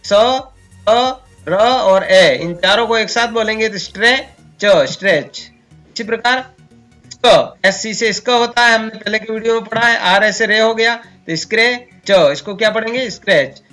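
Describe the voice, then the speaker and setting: A man's voice: high voice, steady tone, pushed and bright, faint music behind. A man teaching English pronunciation who spells words out sound by sound, asks the viewers questions and answers them himself. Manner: slow, spells out sounds one by one.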